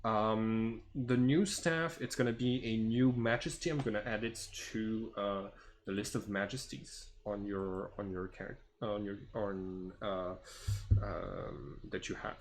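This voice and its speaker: A man working as game master, improvising the narration of a tabletop fantasy game and often searching for words in a halting way. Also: fairly low pitch, steady tone, slight background noise.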